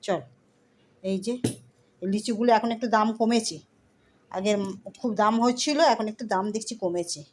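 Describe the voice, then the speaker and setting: A woman's voice: mid-range voice, measured pace, long pauses, darkish tone, slight background noise. A middle-aged woman, chatting through a casual home vlog from her kitchen and talking to her viewers as friends. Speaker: vlogger. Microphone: phone camera.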